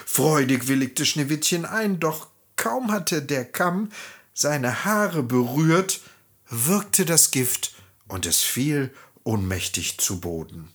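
A storyteller reading a fairy tale aloud in an expressive, lively way. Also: mid-range voice, takes it slowly, slightly rough.

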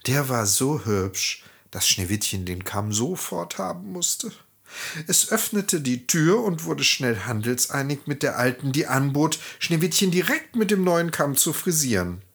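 A storyteller reading a fairy tale aloud in an expressive, lively way. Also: mid-range voice, a little slow, gravelly, husky.

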